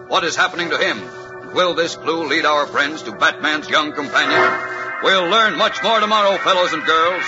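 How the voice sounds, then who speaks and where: A man's voice: fairly high pitch, lo-fi sound, lightly acted. An American man narrating a serial as a dramatic, suspense-building 1940s radio announcer. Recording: old radio recording with loud music.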